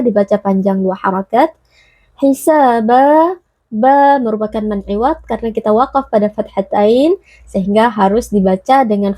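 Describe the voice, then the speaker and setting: A woman teaching Quran recitation rules, explaining calmly and chanting each word slowly. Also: medium pitch, no echo. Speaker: tajwid teacher.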